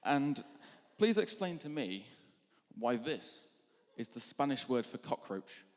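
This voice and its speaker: A man's voice: mid-range voice, very animated, takes it slowly. A young man doing a stand-up routine between acts at a charity show, rambling and self-deprecating with lots of ums. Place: large hall on stage. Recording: hall reverb.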